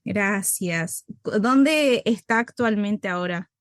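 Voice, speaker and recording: A woman's voice: medium pitch, lively intonation, slow pace, no echo, clean studio sound. A woman hosting an interview, asking friendly questions and reacting with affirming remarks. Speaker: interview host.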